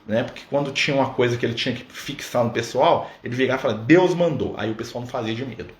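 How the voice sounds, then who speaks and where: A man's voice: mid-range voice, fairly even intonation, very fast. A man leading a casual Spiritist study on a live stream, talking conversationally and often adding "né?" and "tá?". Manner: conversational, full of "né?" and "tá?" asides. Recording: roomy sound with faint background noise.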